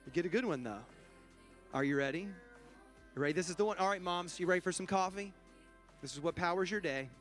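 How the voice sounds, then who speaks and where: A man's voice: high voice, fast talker, pauses often, a bit bright, faint music behind. A man, a pastor joking playfully with his congregation while he runs a raffle from the church stage. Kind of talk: church service announcements and raffle.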